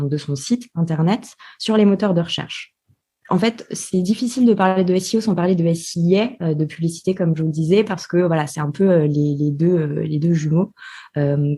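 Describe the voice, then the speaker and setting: A woman guest explains her field in a podcast interview, slowly and methodically, with frequent hesitations. Her voice is low, mellow and a little husky. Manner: hesitant, many filler sounds, methodical explaining. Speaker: podcast guest, marketing specialist.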